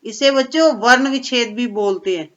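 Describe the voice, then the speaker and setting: Patient woman teacher, slightly high voice. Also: moderate pace, fairly bright tone, muffled recording. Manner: patient, step by step, checks "ठीक है" often. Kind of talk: worksheet lesson for children.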